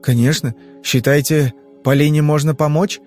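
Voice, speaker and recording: Audiobook role: male reader as a nervous businessman dad, pitched up, fussy and eager. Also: steady tone, moderate pace, a little mellow, faint music behind, natural voice. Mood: flustered. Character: flustered middle-aged businessman father.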